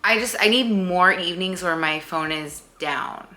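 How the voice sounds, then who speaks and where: A woman's voice: lowish voice, moderate pace, bright, forceful tone. A woman in her late thirties, chatting casually at home as a vlogger, rambling with many fillers. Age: late 30s. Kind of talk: casual chat.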